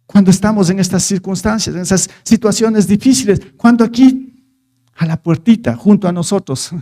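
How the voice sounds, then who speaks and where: A man's voice: high voice, normal speed, mellow. A man preaching a sermon in a conversational way, reading scripture and putting rhetorical questions to his listeners. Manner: reads scripture aloud and retells it.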